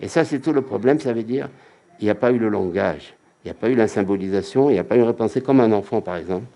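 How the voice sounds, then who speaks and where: A man's voice: fairly low pitch, fast, warm tone. A man giving a religious lecture as a rabbi, emphatic and repetitive, often acting out quotes.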